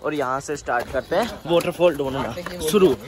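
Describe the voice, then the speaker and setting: A man's voice: a little high, a little fast. Young man vlogging outdoors, teasing banter. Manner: joking, teasing banter with a friend. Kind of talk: casual travel vlog chat. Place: outdoors on a riverside and hill trail. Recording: outdoor crowd and traffic behind.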